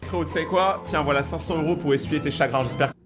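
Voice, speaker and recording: A man, a youtuber, reacting to videos with quick playful jokes. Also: on the high side. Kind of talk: casual reaction commentary. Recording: music playing behind.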